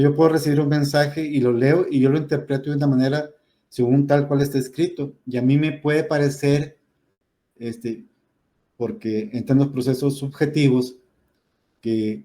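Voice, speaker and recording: A man's voice: medium pitch, warm tone. A man teaching a grammar lesson, explaining patiently and often checking in with "¿verdad?". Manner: patient, explanatory, many "este" fillers and rhetorical "¿verdad?".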